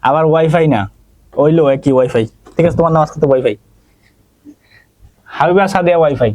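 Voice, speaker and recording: Talking fast in a slightly high, darkish voice, this male math teacher runs an online geometry class with a Bangladeshi Bengali accent, addressing students by name. He asks questions and answers them himself, constantly checking with "ঠিক আছে?". There's no echo.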